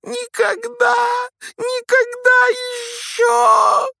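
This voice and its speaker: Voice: animated, moderate pace, creaky, fairly bright tone, no room sound, studio quality, exaggerated voice. Dobby the house-elf, male, screechy and near tears. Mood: wailing, frantic. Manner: squeaky, wailing, refers to himself by name. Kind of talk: audiobook character voice.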